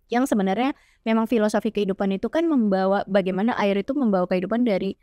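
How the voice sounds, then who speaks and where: A woman musician in a casual interview, telling lively stories and now and then singing a line. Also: mid-range voice, fast talker, dry recording, lo-fi sound. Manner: animated storyteller, breaks into song snippets. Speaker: musician guest.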